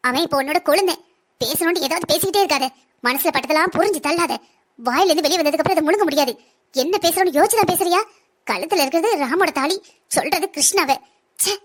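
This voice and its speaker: A worried middle-aged cartoon mother, always trying to calm the quarrels at home, as a woman voices her. Her voice is high and quick, soft and pleading. She sounds anxious and eager to keep the peace. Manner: pleading, soothing. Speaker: mother of the heroine. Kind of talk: Tamil cartoon voice acting.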